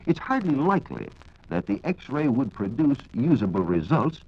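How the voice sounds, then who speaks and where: A very animated American man with a mid-range, breathy-edged voice speaks at a moderate pace as a science reporter on 1940s radio. He answers listener questions with precise, formal explanations read from a script, heard through a dull, lo-fi period recording.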